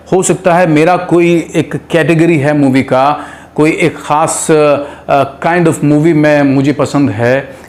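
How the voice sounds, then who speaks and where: A man teaching English grammar in a video lesson, slowly reading out example sentences word by word and explaining them. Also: on the high side, a little mellow. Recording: echoey room.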